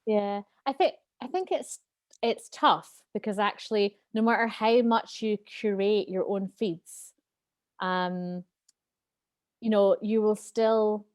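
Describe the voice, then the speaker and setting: A woman's voice: mid-range voice, steady tone, slow pace, a little mellow, no room sound. Earnest, open-hearted woman guest. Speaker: wellbeing expert, guest. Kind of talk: candid interview talk.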